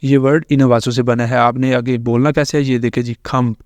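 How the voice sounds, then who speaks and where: Slow-explaining male teacher. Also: medium pitch, flat delivery, a little mellow, no room sound. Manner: slow, repetitive explaining with frequent fillers. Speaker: English teacher. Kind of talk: screen-recorded tutorial explanation.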